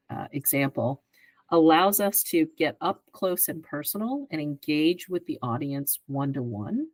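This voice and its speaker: A woman in her fifties, a guest on a podcast, explaining her work in a measured way and often checking in with "right?". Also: sits low, no room sound, low-quality recording. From greater Philadelphia area. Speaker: advertising executive guest. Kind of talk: podcast interview answers.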